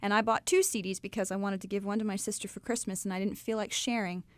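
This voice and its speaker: A young woman from Ohio telling her faith story to a live audience in a lively, chatty way. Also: medium pitch, fast, dry recording. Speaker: speaker telling her testimony.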